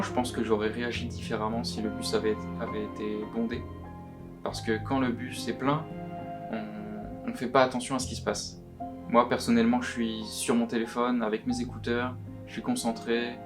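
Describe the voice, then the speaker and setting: A young man's voice, disguised by being pitch shifted deeper, gives anonymous testimony. He speaks in an earnest, halting way at a middling pitch. Clear guitar music plays under him. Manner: earnest, halting, often repeats words. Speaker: anonymous witness giving testimony. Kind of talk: recorded testimony, answering questions. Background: plucked guitar music.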